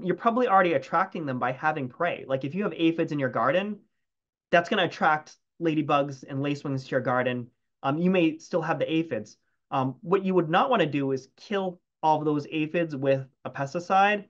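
Hesitant man on a lo-fi call. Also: on the high side. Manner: hesitant, many restarts and fillers. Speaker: entomologist answering questions. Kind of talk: casual Q&A after a talk. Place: home room, video call.

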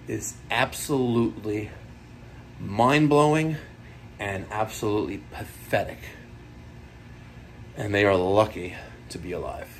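A man in his forties, a plumber with a New York accent, talking to viewers in an animated, hyped way while filming himself on a phone in a house basement. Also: fairly low pitch, slight background noise. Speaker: plumber and heating technician. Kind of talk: on-the-job vlog narration. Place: house basement boiler room. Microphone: phone camera at arm's length.

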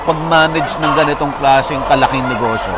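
A man hosting a farm tour interview, eager and quick to exclaim as he asks questions. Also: fairly high pitch. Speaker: host. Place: large indoor poultry house, chickens clucking. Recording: loud chickens and farm noise behind.

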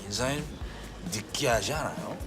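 A man's voice: medium pitch, normal speed, music in the background, lightly acted. An actor playing a gossipy young male student bantering casually with friends in a screen drama. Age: young adult.

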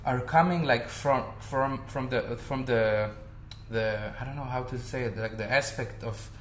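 A man's voice: mid-range voice, unhurried, roomy sound, a little hiss or hum. A man in his thirties from Armenia, a singer and vocal coach, talking casually with many fillers and restarts in a living room. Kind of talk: casual interview. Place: bright living room with large window.

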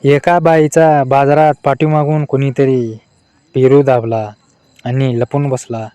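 Slow, mellow-voiced man telling jokes. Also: mid-range voice, flat delivery, slight background noise. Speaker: joke narrator. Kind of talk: reading out adult jokes.

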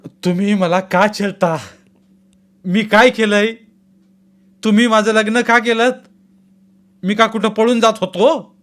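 A distraught young man, crying out high and desperate against his family, voiced by a man reading a village story. Each plea comes slow and strained. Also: steady tone, a bit bright.

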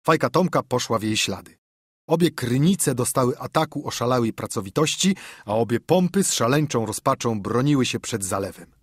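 A man narrating an audiobook in an expressive storytelling manner, recorded on a studio microphone. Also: mid-range voice, slightly rough, no room sound.

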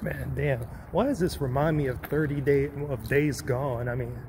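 A man's voice: mid-range voice, normal speed. A man with a New Orleans accent exploring an abandoned building alone, talking to himself casually and cursing as he goes. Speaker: urban explorer vlogger. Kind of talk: solo exploring commentary, muttering to himself. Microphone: handheld or body camera. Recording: noisy camera audio.

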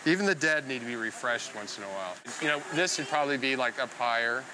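A man's voice: mid-range voice, fast talker. A man casually explaining design changes on site as an attraction designer. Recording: noisy hiss and ambience on location.

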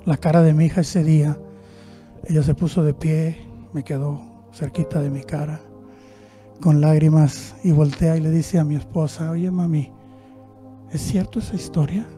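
A male pastor, telling a story in a sermon in a church, swinging between hushed and loud. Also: fairly high pitch, flat delivery, moderate pace, soft background music.

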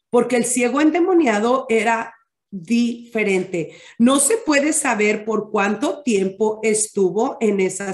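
A woman teaching a Bible study, deliberate and often checking in with her listeners. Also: a little high. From Mexico. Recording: echoey room.

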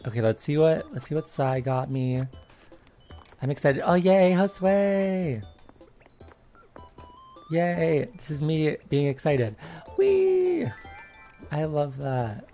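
Low-pitched and expressive, this twenty-something woman takes her time, leaving long pauses, and her tone is dark. She's gaming on a livestream with casual, bubbly, giggly chat full of small cheers, while soft music plays behind her.

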